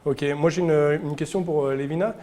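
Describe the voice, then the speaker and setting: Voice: mid-range voice, fairly even intonation, fairly quick, warm tone. A talk show host interviewing guests in a playful, teasing manner.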